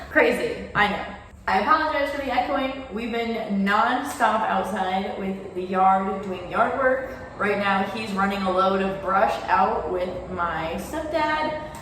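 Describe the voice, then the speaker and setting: A woman's voice: on the high side, a bit bright. A woman in her twenties chatting casually to her vlog audience in a new, empty house, with a big echo off the bare walls. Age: 20s. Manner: chatty and rambling. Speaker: vlogger. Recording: big echo in an empty house, distant mic, faint hiss.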